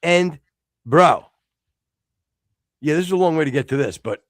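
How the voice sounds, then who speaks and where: A man from the United States co-hosting a casual podcast, rambling with many restarts and sudden excited outbursts. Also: a little high, unhurried, dry recording, clean studio sound. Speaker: podcast co-host.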